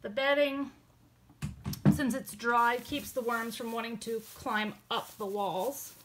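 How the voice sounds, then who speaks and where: A woman's voice: fairly high pitch, fairly even intonation, slow pace, very noisy. A young woman giving a casual how-to vlog about her worm bins, chatty and full of ums, a little out of breath. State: slightly out of breath. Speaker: worm farming vlogger.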